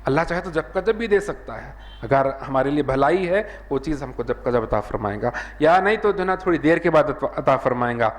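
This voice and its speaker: Hyderabadi preacher with a higher male voice. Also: lively intonation, hardly any pauses. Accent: Hyderabadi Urdu. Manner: earnest, repeats "jo hai na" as a filler, raises his voice when acting out dialogue. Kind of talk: sermon.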